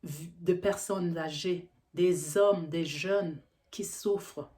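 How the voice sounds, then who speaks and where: Femme au ton grave et sérieux, parlant avec beaucoup d'hésitations. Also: female voice, fairly low pitch, very slow, dark tone. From Democratic Republic of the Congo. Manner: earnest, with frequent hesitations. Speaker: health professional. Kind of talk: earnest educational monologue.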